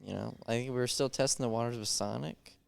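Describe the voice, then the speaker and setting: A man's voice: mid-range voice, steady tone, brisk, creaky, darkish tone. A man co-hosting a podcast, chatting in a laid-back, agreeable way. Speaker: podcast co-host. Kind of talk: casual chat.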